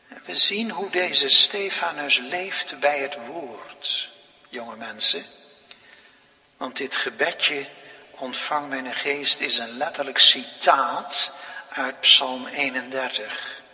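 A male pastor preaching a sermon, slow and dramatic, swinging from near whispers to loud exclamations. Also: medium pitch. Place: church. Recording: long reverb of a large hall.

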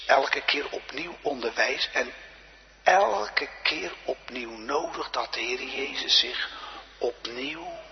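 A man preaching a sermon, swinging from loud emphatic exclamations down to hushed whispers. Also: medium pitch. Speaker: pastor. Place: church. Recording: dull lo-fi church recording with long reverb.

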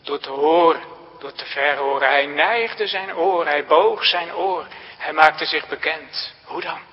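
A male pastor preaches in a slow, deliberate cadence, his fairly high voice lifting on emphatic phrases. The sound is a dull, lo-fi church recording with a long reverb trailing after each line. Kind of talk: sermon.

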